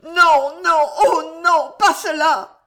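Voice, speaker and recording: A woman's voice: high-pitched, slow pace, voice pushed up. A woman voicing a desperate young noblewoman who begs and sobs for mercy in an audiobook reading. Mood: desperate pleading. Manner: frantic, sobbing pleas. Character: desperate young noblewoman, pleading wife and mother.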